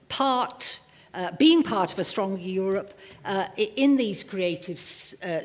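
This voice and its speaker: A woman parliamentarian giving a measured formal speech, hesitating often with fillers. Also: medium pitch.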